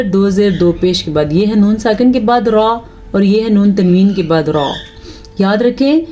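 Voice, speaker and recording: A woman teaching tajweed, patiently explaining the rules and reciting her examples slowly and drawn out. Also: mid-range voice, warm tone.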